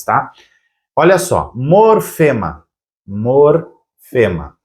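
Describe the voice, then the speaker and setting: A man's voice: medium pitch, darkish tone. A man teaching a recorded language lesson, explaining patiently, stretching out key words and checking in with "tá?" and "né?". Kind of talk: recorded video lesson with whiteboard.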